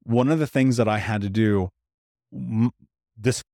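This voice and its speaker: A man's voice: mid-range voice, fairly even intonation, moderate pace, creaky, warm tone, no echo, clean studio sound. A man in casual podcast conversation, talking candidly and with emphasis, dropping slang like dude and bro.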